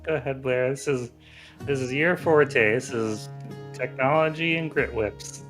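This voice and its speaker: Slow, joking tabletop player. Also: medium pitch, fairly bright tone, faint music behind. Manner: laughing, joking asides. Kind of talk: casual table play.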